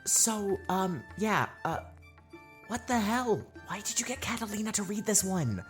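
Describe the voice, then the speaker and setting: A woman's voice: medium pitch, animated, unhurried, soft background music, natural voice. An actress playing a puzzled young woman questioning her friend.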